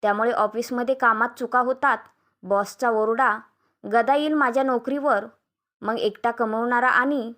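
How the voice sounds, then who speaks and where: A woman voicing a fed-up young daughter-in-law, speaking in sharp, indignant outbursts. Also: a little high, steady tone, normal speed, natural voice. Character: fed-up young daughter-in-law demanding her own space.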